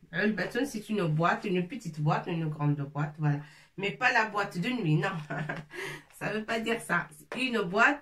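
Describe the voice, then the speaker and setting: A woman's voice: mid-range voice, fairly bright tone, recorded from a distance. A woman teaching a lesson, patiently repeating each word and breaking it into syllables. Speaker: Arabic teacher. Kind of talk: slow spelled-out language lesson.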